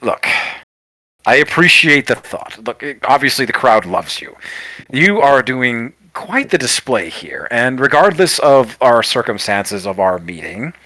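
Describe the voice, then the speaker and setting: A man voicing a sly, teasing male circus ringleader who talks down to a young performer with smooth, patronizing calm. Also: mid-range voice, a little slow, no room sound. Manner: accusing, then smoothly patronizing.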